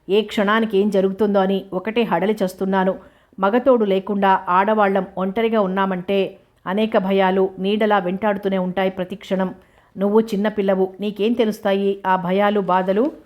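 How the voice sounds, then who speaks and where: A woman reading a novel aloud, voicing a worried mother who pleads and scolds in a flat, even tone. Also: medium pitch, normal speed, close to an everyday voice. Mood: anxious pleading. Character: worried widowed mother, anxious, fussing.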